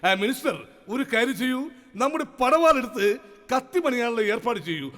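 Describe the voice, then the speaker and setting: A man's voice: very high-pitched, lively intonation, a little fast, bright, forceful tone, long reverb tail, full character voice. A man on stage playing a pompous, peevish king in a comedy skit, blustering and making puns. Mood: bossy. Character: pompous, silly, whiny male king.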